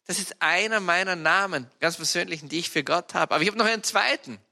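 A man with an Austrian accent preaching a sermon, telling personal stories in a lively, animated way with sudden loud outbursts. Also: high-pitched, quick pace, gravelly. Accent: Austrian German.

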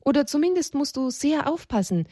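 Woman doing a gentle caring mother animal. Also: high-pitched, animated, fairly quick, no echo, studio quality, voice pushed up. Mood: tender. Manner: soft, soothing.

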